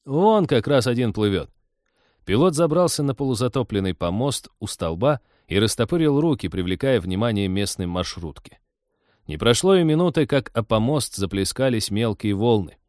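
Brief: deep male reader, dry studio sound, wry story narration. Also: animated, moderate pace, a little mellow, no echo. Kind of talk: audiobook narration.

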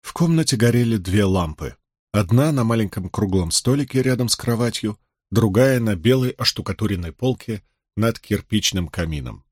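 A man narrating an audiobook in an expressive storytelling manner. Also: on the low side, normal speed, husky, no echo, studio quality. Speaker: audiobook reader.

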